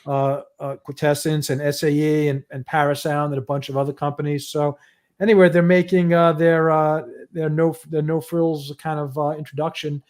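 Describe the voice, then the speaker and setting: A man's voice: fairly high pitch, little pitch movement, moderate pace, a little mellow. A man hosting a livestream show, giving audio news in a loose, rambling casual chat.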